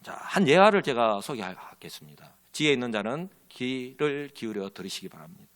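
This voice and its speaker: A man's voice: mid-range voice, sing-song, brisk, a bit bright. A man preaching a sermon as pastor, telling a story and leading the congregation in call and response. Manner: tells an illustrative story with quoted characters.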